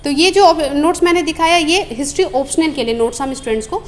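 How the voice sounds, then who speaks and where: A woman's voice: high voice, fast. A woman from a coaching institute walking through study notes one booklet at a time, repeating phrases with frequent hesitations. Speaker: coaching institute staff member. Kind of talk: explaining and listing study material.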